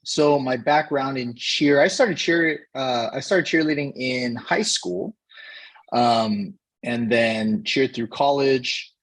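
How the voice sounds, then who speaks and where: Husky-voiced man from Hawaii. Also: mid-range voice, poor audio. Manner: unhurried, pausing often to find words. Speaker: cheer coach, podcast guest. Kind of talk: casual interview talk.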